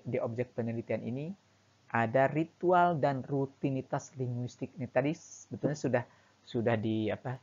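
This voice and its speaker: A man giving an academic lecture in a relaxed way, with many fillers, who acts out everyday examples. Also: medium pitch, creaky. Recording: dull lo-fi sound.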